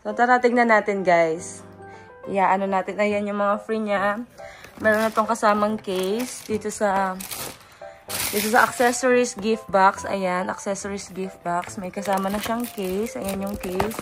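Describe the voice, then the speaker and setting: A woman's voice: medium pitch, unhurried, faint music behind. A young woman from the Philippines vlogging casually from a messy bedroom, her voice worn out from tiredness, teasing and laughing a lot. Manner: excitable, laughs and teases a lot. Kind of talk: casual vlog chat.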